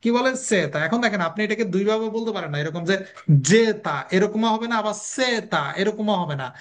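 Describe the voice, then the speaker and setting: A language teacher giving a recorded lesson. The teacher asks questions and answers them, and repeats each sound slowly for drilling. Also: mid-range voice, slight background noise.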